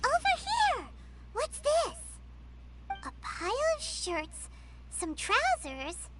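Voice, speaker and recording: A woman voicing a tiny, excitable fairy companion in a video game, with chirpy, wide-eyed exclamations. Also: very high-pitched, takes it slowly, very noisy, exaggerated voice. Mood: excited.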